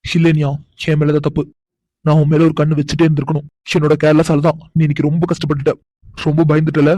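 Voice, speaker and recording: A low, flat, mellow voice for an affectionate cartoon husband who teases his wife and coaxes answers out of her, voiced by a woman. He talks quickly, and the sound is close and dry. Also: no echo. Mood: remorseful. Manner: teasing, chuckling, coaxing. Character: doting young husband, teasing and affectionate. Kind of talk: animated cartoon voice acting.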